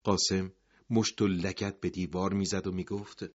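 A man narrating a dramatic story, dropping to hushed tones at the end of sentences. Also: low voice, level tone. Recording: dull lo-fi recording.

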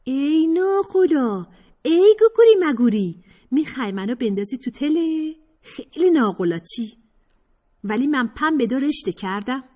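Woman doing a high squeaky sarcastic girl, teasing, dodging everything, audiobook voice. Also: lively intonation. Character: mocking, evasive young woman classmate. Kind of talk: audiobook character voice.

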